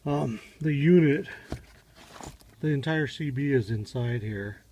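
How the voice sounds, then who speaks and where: A man with a mellow, mid-range voice films himself fixing up his car in his home garage, giving a casual, matter-of-fact walkthrough that's unscripted, halting, and rambling. Because he moves the handheld phone around, the audio is noisy and sounds far off.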